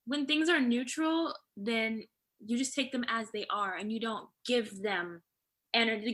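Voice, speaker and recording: A woman with a somewhat high voice speaks as a podcast guest. She is emphatic and animated, acting out her inner voice in quick bursts. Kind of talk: casual podcast conversation.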